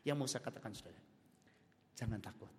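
A man preaching a sermon and telling a story in an emphatic, animated way. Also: fairly low pitch, brisk, long reverb tail. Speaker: pastor.

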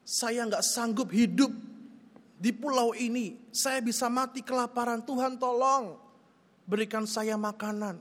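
A man's voice: very high-pitched, steady tone, measured pace, a bit bright, pitched above the performer's own voice. A preacher voicing a shipwrecked man who pleads to God and then smugly defends himself, in a whiny, indignant tone, with long church reverb. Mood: pleading.

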